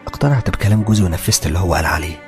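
A man with an Egyptian accent narrating a horror story in a rapid, conversational first-person telling. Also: low-pitched, faint music behind. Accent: Egyptian Arabic.

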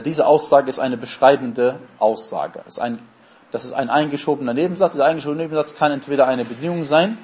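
A man's voice: medium pitch, a little mellow. A man giving a religious lesson, explaining terms step by step and answering his own questions. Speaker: Islamic teacher.

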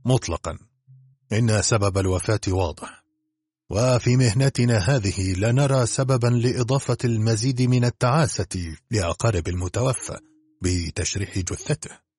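A man's voice: low-pitched, expressive, brisk, a little mellow, slightly rough, no echo, exaggerated voice. An actor playing a curt, self-assured older male doctor in an audiobook drama.

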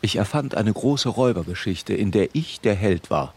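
A man narrating a literary radio drama in a measured, grave first-person voice. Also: on the low side, lively intonation, darkish tone, breathy edge.

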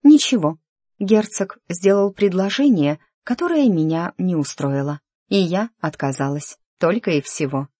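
A reader voicing an emotional young noblewoman in an audiobook, speaking in a pleading, higher voice. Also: expressive, unhurried, a little mellow, slightly rough, no room sound, studio quality. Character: young noblewoman, agitated and hurt. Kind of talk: audiobook character dialogue.

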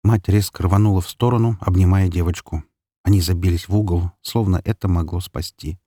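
A man narrating an audiobook in a steady, even storytelling voice on a close studio mic. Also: low voice, a little fast, dry recording. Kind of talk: scripted narration.

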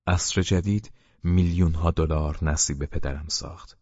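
A man narrating an audiobook in a steady, measured storytelling manner. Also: extremely low pitch, breathy edge, dry recording. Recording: dull, muffled sound.

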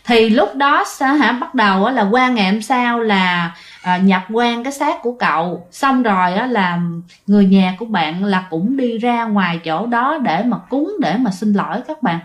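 Woman telling ghost stories, chatty, lots of fillers, kinda high voice. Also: expressive, normal speed. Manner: chatty, addresses listeners directly, many fillers. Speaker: ghost story narrator. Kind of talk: casual spoken storytelling.

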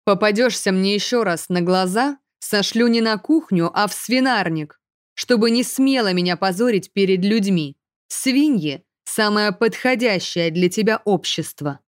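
A woman's voice: mid-range voice, normal speed, no room sound, clean studio sound, close to an everyday voice. Woman voicing a cold, commanding nobleman. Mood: contemptuous. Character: stern burly male nobleman, cold.

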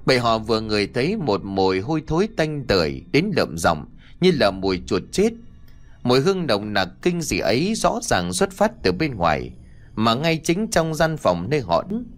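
Expressive male storyteller, lively pitch. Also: moderate pace. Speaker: narrator. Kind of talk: audiobook horror narration. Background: faint music.

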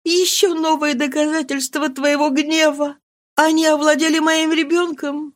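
A woman's voice: sits high, little pitch movement, moderate pace, pitched above the performer's own voice, lightly acted. Woman voicing an anguished pleading mother. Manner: anguished, imploring. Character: desperate pleading young mother, grief-stricken.

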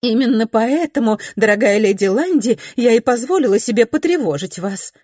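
Woman playing a young society widow, high and shrill, breathless gossip, husky, dry close sound. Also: expressive, moderate pace, warm tone, no room sound. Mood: gushing.

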